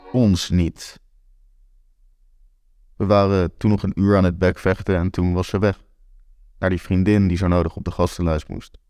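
A man's voice: fairly low pitch, mellow. A man in his twenties reading a first-person story aloud, candid and wry. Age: 20s. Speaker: narrator.

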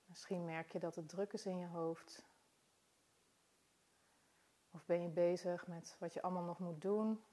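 Soft, mellow woman guiding a meditation. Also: fairly low pitch. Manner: soft, calm, soothing, unhurried with long pauses. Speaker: meditation guide. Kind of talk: guided body-scan meditation.

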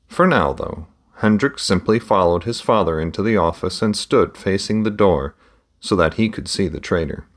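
A man narrating a fantasy story aloud in a steady, measured reading. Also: low voice. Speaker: audiobook narrator.

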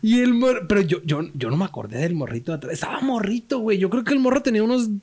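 High-voiced Mexican guy telling a story. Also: quick pace. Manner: animated slangy storyteller, shouts quoted lines. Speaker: podcast co-host. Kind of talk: casual chat.

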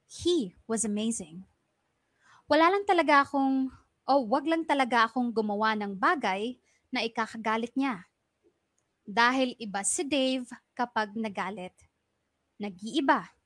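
A woman's voice: a little high, a little slow, pauses often, fairly bright tone, dry recording. A woman narrating a listener's letter in an earnest, confessional storytelling manner. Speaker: radio drama narrator reading a listener's letter.

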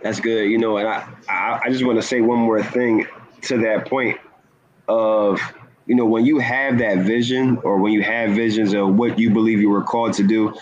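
A man speaking as a guest in an inspirational talk, earnest and measured, stressing key words. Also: on the low side, steady tone, lo-fi sound. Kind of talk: inspirational talk-show conversation.

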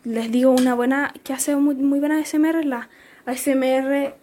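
A woman's voice: high-pitched, fairly even intonation, moderate pace, mellow, slight background noise. A teenage girl with a Chilean accent, co-hosting a casual podcast and telling stories with frequent laughter. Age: teens. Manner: chatty, laughs often, storytelling. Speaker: podcast co-host. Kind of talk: casual chat.

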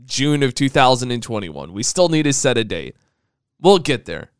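Young man, podcast co-host, joking casual chat, smooth voice, dry close sound. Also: medium pitch, sing-song, moderate pace, dry recording. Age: 20s. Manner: joking, teasing.

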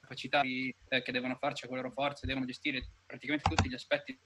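Halting man on a noisy call line. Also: medium pitch, level tone. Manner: halting, searching for words. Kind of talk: casual group discussion on a call. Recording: bad connection with clear noise and clicks.

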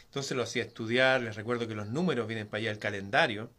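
A man's voice: on the low side, steady tone, racing, pushed and bright. A man telling a folk tale in a casual, conversational way, with frequent asides and digressions. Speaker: storyteller. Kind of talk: casual oral storytelling.

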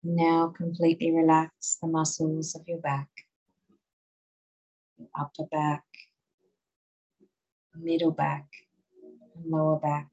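A woman guiding a listener through muscle relaxation in a slow, soothing voice. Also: sits low, monotone, mellow, breathy edge, lo-fi sound. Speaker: relaxation guide. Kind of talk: guided relaxation.

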